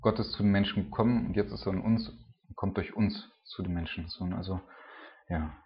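A man with a deep, low voice preaching an informal sermon and then praying aloud. He talks in a colloquial, halting way and leans on filler words. The recording sounds dull and lo-fi. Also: steady tone, slight background noise. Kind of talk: informal sermon and spoken prayer.

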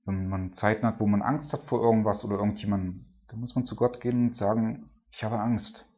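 A man's voice: fairly low pitch, fairly even intonation, fast talker, dull audio, soft background music. A man giving a sermon in a conversational tone, filling his talk with "so" and "ne?". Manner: conversational preaching, peppered with "so" and "ne?". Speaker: preacher. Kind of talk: sermon on a psalm.

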